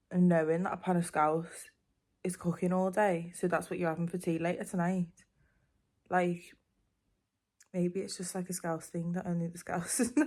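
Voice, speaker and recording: A woman's voice: lowish voice, a little mellow. A young woman with a Liverpool accent, chatting casually at home as a vlogger, rambling with lots of "um" and "like". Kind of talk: casual chat to camera.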